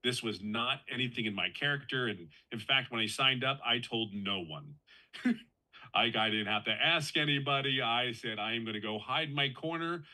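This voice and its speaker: A man's voice: medium pitch, animated, moderate pace, bright, forceful tone, rough recording. A man in his fifties sharing his personal story as a guest on a live call, earnest and conversational, often restarting and repeating himself for emphasis. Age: 50s.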